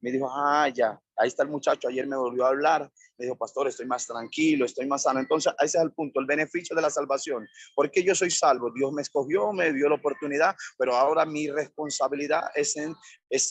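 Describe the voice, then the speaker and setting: A man's voice: a little high, a little fast, breathy edge, no echo. A male pastor preaching a sermon, repeating phrases in emphatic lists.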